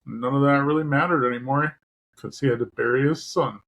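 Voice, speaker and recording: A man in the middle of his pitch range, speaking haltingly on a podcast and pausing often as emotion catches him. He stops to apologize and then pushes on through the story. The talk is casual and from the heart. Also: steady tone, gravelly, fairly bright tone. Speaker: podcast co-host.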